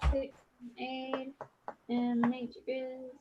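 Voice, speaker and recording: A woman with a fairly high voice plays a tabletop game. Her talk is casual and hesitant as she searches for words, and the sound is slightly dull and lo-fi. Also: monotone, slow.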